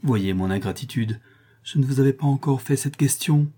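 A man's voice: medium pitch, normal speed, mellow, slightly rough, voice pushed up, close to an everyday voice. A man voicing a trembling, overwrought prince. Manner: trembling, barely restrained emotion. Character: overwrought noble prince, a father. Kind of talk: audiobook character voice.

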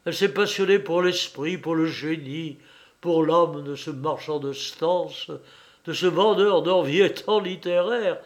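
A man's voice: a little high, a little slow, natural voice. A man reading the part of a shrewd, devoted young hunchback who speaks fervently and slyly.

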